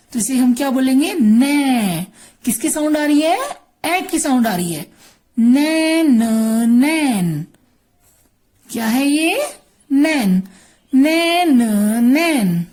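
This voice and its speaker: A woman's voice: a little high, mellow. An Indian woman teacher giving a patient drawing and Hindi lesson to young children, repeating words and switching between Hindi and English.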